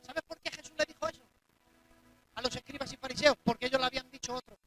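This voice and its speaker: A preacher delivers a dramatic sermon in a church, his voice pitched high. He punches some lines out at full force and drops others to a near-hush. Music plays clearly behind him. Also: steady tone, fast talker. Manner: emphatic, dramatic, swings between loud exclamations and hushed asides.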